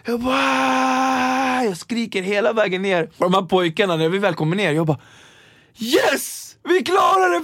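A man's voice: on the high side, dry recording, clean studio sound. A young man telling stories in a casual podcast chat, acting out the voices of people in his stories. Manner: animated storyteller acting out quotes. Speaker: podcast guest.

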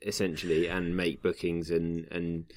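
Deep-voiced man hosting a podcast. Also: completely flat delivery, moderate pace. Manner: explains news in long loose runs, acts out quotes. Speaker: podcast host. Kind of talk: casual tech podcast chat.

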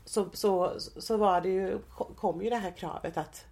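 A woman in her thirties, a guest in an interview, talking in a hesitant, halting way with many restarts. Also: mid-range voice, darkish tone. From Sweden. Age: 30s. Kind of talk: personal interview.

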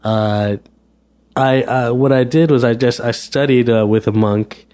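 In a medium-pitched, darkish voice, a U.S. restaurant owner talks a little slowly during a casual guest interview. He tends to restart his sentences and repeat words.

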